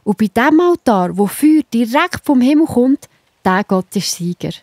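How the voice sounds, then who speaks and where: Speaking directly to young listeners, a Swiss-accented woman narrates a children's Bible story and explains it simply. Her voice is animated and on the high side with a darkish tone, at a moderate pace and with no room sound.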